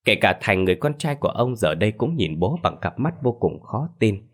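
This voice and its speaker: A man narrating a ghost story in an expressive scripted storytelling style. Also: on the low side, brisk. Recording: faint background music.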